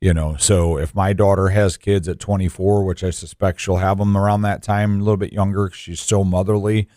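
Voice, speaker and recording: A man's voice: sits low, level tone, fairly quick, dark tone, no echo, studio quality. A man of forty co-hosting a radio show, talking informally and emphatically, repeating phrases for stress. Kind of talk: conversational radio talk with personal asides.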